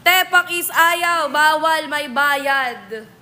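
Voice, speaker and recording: A woman's voice: high voice, very slow, bright, forceful tone, slight background noise. A woman hosting a casual live stream, answering viewer comments with playful, teasing comebacks. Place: billiards venue.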